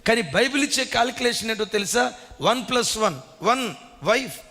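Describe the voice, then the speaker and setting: A man preaching a sermon as pastor, swinging his pitch widely and calling for amens. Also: animated, fairly quick, sharp tone. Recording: reverberant hall.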